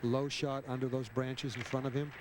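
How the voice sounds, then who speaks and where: A man's voice: mid-range voice, flat delivery, moderate pace. Male golf commentator, heavy background noise. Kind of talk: live golf broadcast commentary. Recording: noisy outdoor broadcast on VHS tape.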